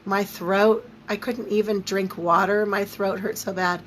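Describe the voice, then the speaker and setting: A woman speaks in a squeaky voice, strained by an allergy, at a middling pitch. She teaches a live online lesson informally, with down-to-earth, emphatic asides. There is some noise behind her. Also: steady tone, unhurried, a bit bright. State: throat and voice affected by allergy. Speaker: spiritual teacher leading a live online series. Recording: noticeable background noise.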